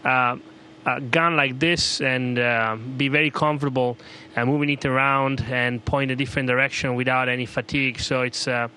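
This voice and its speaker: A man speaking as an astronaut, explaining things casually in a halting, repetitive way. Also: mid-range voice, fairly even intonation, bright, forceful tone, rough recording. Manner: halting, with repeated phrases. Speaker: astronaut being interviewed. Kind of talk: casual explanatory interview answers. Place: aboard a space station. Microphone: handheld microphone. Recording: faint equipment hum.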